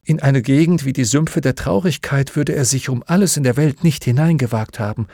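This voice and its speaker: A man reading an audiobook aloud in calm, measured storytelling narration into a close studio mic. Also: medium pitch, no echo.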